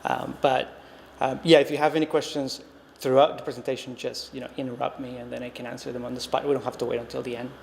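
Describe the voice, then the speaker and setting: Speaking fast, with a level tone, a mid-range voice, some creak and a slightly mellow quality, a man in his thirties presents an artist talk. He is a visiting artist from Costa Rica and a native Spanish speaker, and he hesitates reflectively, peppering his words with ums and restarts. Faint noise and long reverb fill the gallery recording.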